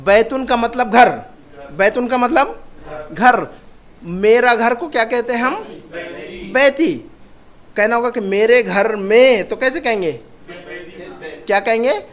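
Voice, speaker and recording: Patient, high-voiced male Arabic teacher. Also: fairly bright tone. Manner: patient, repeats each phrase slowly, asks questions. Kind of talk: classroom grammar lesson.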